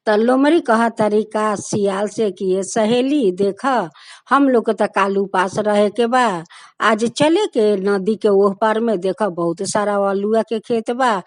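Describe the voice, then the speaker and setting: A woman with a Bhojpuri accent narrating a devotional folk tale in a sing-song storytelling way, voicing the characters' prayers herself. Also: medium pitch.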